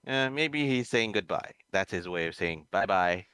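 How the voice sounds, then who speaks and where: Agreeable man co-host, lively voice. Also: on the low side, moderate pace, clean tone, no echo. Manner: agreeable, chiming in. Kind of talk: casual chat.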